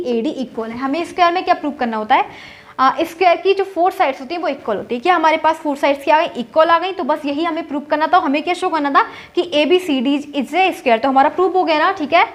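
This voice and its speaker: Young female maths tutor, high voice, patient and repetitive, questions and answers herself. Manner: repeats "theek hai" to check in, asks and answers her own questions. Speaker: maths teacher. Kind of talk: step-by-step maths lesson.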